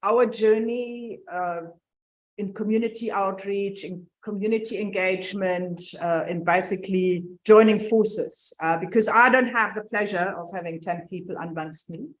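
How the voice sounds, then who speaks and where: A woman presents a university science centre in a lecture venue, talking casually and laughing as she repeats herself while struggling with screen sharing. Her voice is medium in pitch and moderately paced. A room mic picks her up, and she's sometimes off mic.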